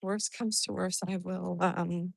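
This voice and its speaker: Creaky-voiced woman livestreaming on a walk. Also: on the low side, little pitch movement, slow, dry recording. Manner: talking while out walking for exercise; rambling, thinking aloud. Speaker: livestreamer greeting and answering viewers. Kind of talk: casual livestream chat to followers. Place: outdoors on a walk in hot weather.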